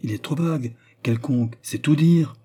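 A man's voice: mid-range voice, moderate pace, warm tone, husky, pitched above the performer's own voice, close to an everyday voice. A man reading aloud as a proud scheming countess who speaks with vehemence and irony in a storybook reading. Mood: furious. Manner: vehement, ironic.

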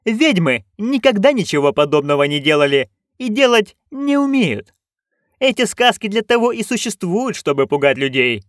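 A shrill, domineering noblewoman barks orders in a raised, pinched voice, as a male audiobook reader puts her on. Her lines swoop high and sharp. The sound is close and dry. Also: sing-song, moderate pace, no room sound. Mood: imperious. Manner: commanding, sharp. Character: haughty shrill noblewoman, imperious and scheming. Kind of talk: audiobook character voice.

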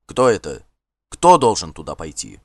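A man reading an audiobook voices a stern king who presses his questions urgently and forcefully. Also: sits low, wildly swooping pitch, moderate pace, no room sound, clean studio sound, exaggerated voice.

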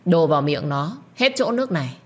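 A woman's voice: deep voice, very animated, fairly quick, a little mellow. A woman voicing a stern young master of a household in an audio story, giving clipped orders with a mocking edge. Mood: commanding.

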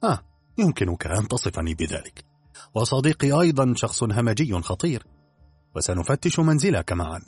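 A bold, coolly commanding detective who gives firm orders, as a man reads him in an audiobook. The voice is husky and lively in pitch and sits close and dry. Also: fairly quick, no echo, soft background music. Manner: decisive and commanding. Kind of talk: audiobook character reading.

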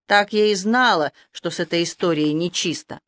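A woman's voice: lowish voice, normal speed, dry recording, close to an everyday voice. A woman voicing a stubborn, decisive teenage girl. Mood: determined. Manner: sharp, decisive.

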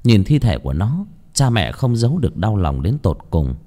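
A man narrating a horror story as an audiobook in an expressive, varied delivery. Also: lowish voice, moderate pace. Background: faint music.

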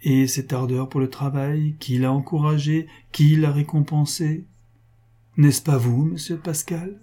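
A man reading aloud, voicing a warm, affectionate young wife with a gushing, lively manner. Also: a little high, unhurried. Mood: eager.

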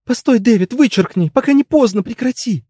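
A man's voice: fairly high pitch, expressive, moderate pace, dark tone, breathy edge, dry recording, studio quality, voice pushed up. A man reading a story and voicing an anxious young wife who coaxes and pleads with her husband. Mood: frantic. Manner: pleading, coaxing, then frantic. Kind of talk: audiobook character voice.

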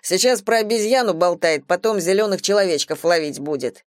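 A woman's voice: lowish voice, lively intonation, fairly quick, dry recording, studio quality, close to an everyday voice. A woman voicing an indignant, squeamish young man in an audiobook. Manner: indignant, fussy.

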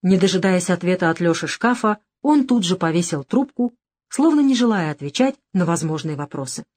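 A woman narrating an action audiobook in a measured, even reading. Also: fairly low pitch. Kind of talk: scripted narration.

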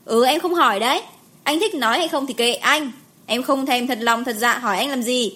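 Woman voicing a sulky quick-tempered young mother. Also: high-pitched. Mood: irritated. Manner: sharp, irritable.

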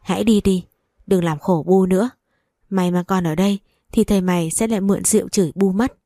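A woman's voice: mid-range voice, steady tone, fairly quick, dark tone, dry recording, clean studio sound, lightly acted. A woman reading a tender, worried older rural mother in a storybook tale, talking hurriedly and pleadingly.

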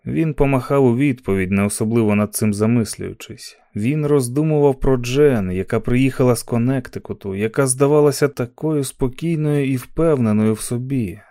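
A man narrates a novel as an audiobook. His voice is dark and mellow, his delivery steady and even. He sits at a middling pitch for a man. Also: moderate pace, few pauses.

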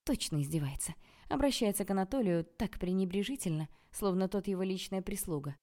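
A woman reading a first-person novel aloud in a wry, expressive way. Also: mid-range voice, a little fast. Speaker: audiobook narrator.

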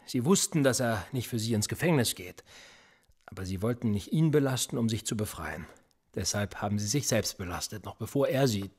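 In a radio play, an actor voices a cold, persistent middle-aged cop questioning a suspect, pressing, sarcastic and quietly needling. His voice is fairly low, slightly rough, animated and brisk.

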